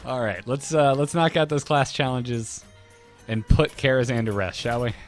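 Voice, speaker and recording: A man's voice: mid-range voice, moderate pace, soft background music. A man hosting a video game session, giving casual commentary as he plays with a co-host.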